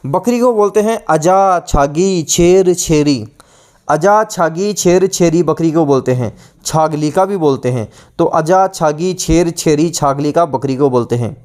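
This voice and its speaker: High-voiced man drilling word lists. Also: unhurried, a little mellow. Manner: asks and answers his own questions. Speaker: teacher. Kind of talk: exam-prep lesson.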